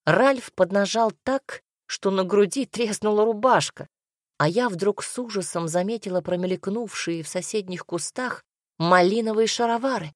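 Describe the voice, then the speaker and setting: A woman narrating a first-person fantasy audiobook with wry, lively storytelling. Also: medium pitch, normal speed, no room sound, clean studio sound.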